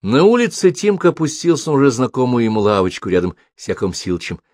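A man narrating a children's story as an audiobook reader, in a measured storytelling manner. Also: medium pitch, very animated, a little mellow, dry recording, clean studio sound. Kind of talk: scripted narration.

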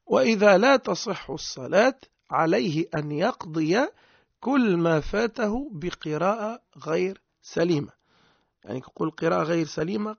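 A man's voice: high voice, gravelly, no echo, lo-fi sound. A man with a Tunisian accent giving a religious lesson, explaining points by asking and answering his own questions. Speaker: religious teacher.

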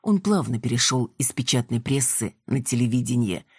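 Male audiobook narrator, husky tone, dry close sound, measured delivery. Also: mid-range voice, animated, no echo. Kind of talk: scripted first-person audiobook narration.

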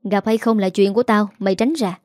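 A woman's voice: mid-range voice, steady tone, fairly quick, darkish tone, no room sound, clean studio sound, lightly acted. A woman with a Southern Vietnamese accent voicing an arrogant rich older man who talks rudely and gives orders. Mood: bossy. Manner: rude, commanding.

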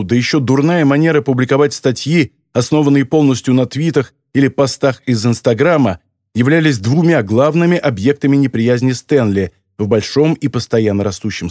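Brief: male audiobook narrator, animated and lively delivery, dry close sound. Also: medium pitch, no echo. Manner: expressive storytelling. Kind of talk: scripted narration.

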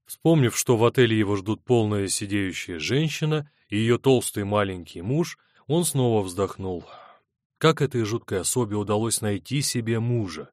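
A man narrating an audiobook in a steady, measured reading. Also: lowish voice, dry recording, studio quality. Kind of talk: scripted narration.

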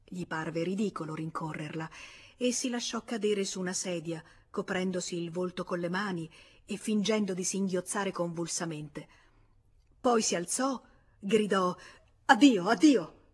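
A woman narrating a classic novel as an audiobook reader, in a measured, expressive way. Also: lowish voice, husky. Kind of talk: literary narration.

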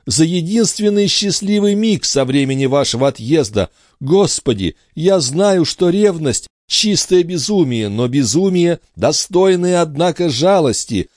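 Man voicing a high, impassioned queen. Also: animated, unhurried, few pauses, a little mellow, no echo, clean studio sound. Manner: breathless, pleading, emotional. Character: proud anguished queen, a woman in love. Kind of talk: audiobook character voice.

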